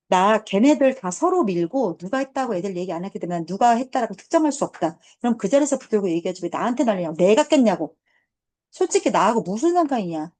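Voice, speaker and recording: Woman, teacher type, indignant storyteller who acts out quotes; warm low tone, dead dry recording. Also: dry recording. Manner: indignant, animated retelling with quoted dialogue. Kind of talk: casual storytelling.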